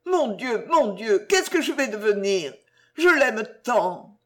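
A woman's voice: mid-range voice, sing-song, takes it slowly. A woman voicing a passionate, torn young woman in an audiobook, with exclamations full of emotion. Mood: despairing. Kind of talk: audiobook character reading.

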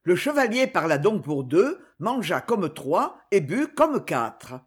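Woman reading a novel aloud, husky breathy voice, lots of lilt. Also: fairly low pitch, very animated, slow pace. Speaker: audiobook reader. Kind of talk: novel narration.

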